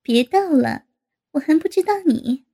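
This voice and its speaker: Woman voicing bold young sister, teasing, scolding, very high, storybook reading. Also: animated, unhurried, gravelly, warm tone, full character voice. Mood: playful.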